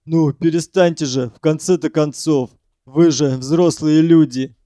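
A man's voice: fairly high pitch, steady tone, measured pace, warm tone, no room sound, studio quality, lightly acted. Man playing an older academic begging people to stop fighting; raised, reproachful, fussy. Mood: pleading. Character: fussy, anxious older male scholar pleading for calm.

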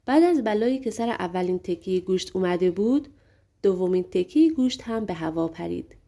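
A woman narrating a fairy tale audiobook in a lively, colloquial storytelling manner. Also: medium pitch.

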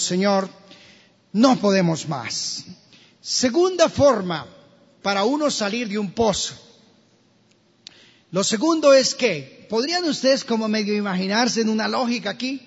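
A man's voice: sits high, moderate pace. A Colombian man preaching a sermon as pastor, acting out quotes and asking the congregation questions, recorded in a church. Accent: Colombian Spanish. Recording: dull, hall-reverberant church recording.

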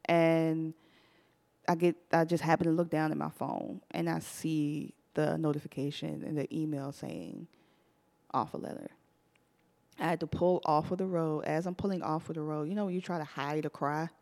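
Low-voiced woman telling a story, laughing. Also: normal speed, creaky. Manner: animated, laughs often while telling the story. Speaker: podcast host. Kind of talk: casual storytelling to a live audience.

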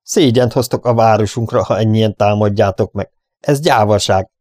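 A man's voice: fairly low pitch, a little mellow, no room sound, studio quality, natural voice. A man voicing a righteous grey-haired old farmer in an audiobook, scolding in an earnest way. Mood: reproachful.

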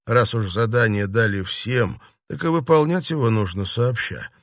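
A male audiobook narrator with a medium-pitched voice reads scripted narration in an even, measured storytelling style. The sound is clean studio audio with no room sound.

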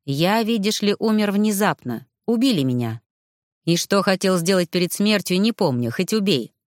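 Woman voicing a gentle, sighing young ghost. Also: medium pitch, expressive, normal speed, no room sound, studio quality, close to an everyday voice. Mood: sorrowful. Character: polite young male ghost, weary and sorrowful.

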